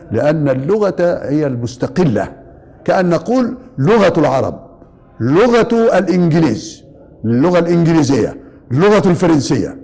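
A man lecturing on language, explaining slowly and repeating key words for emphasis. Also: on the high side, vocal fry, warm tone, in a large hall. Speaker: teacher of Arabic language.

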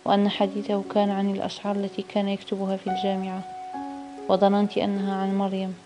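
A woman voicing a calm, wise older mother-in-law who gives measured advice in a read-aloud story. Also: medium pitch, over music, natural voice. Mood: firm.

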